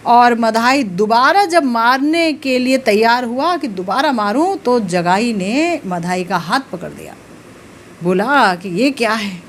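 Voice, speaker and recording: A woman spiritual teacher giving a devotional discourse, telling a sacred story slowly and with rising emotional emphasis. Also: fairly high pitch, animated, a little hiss or hum.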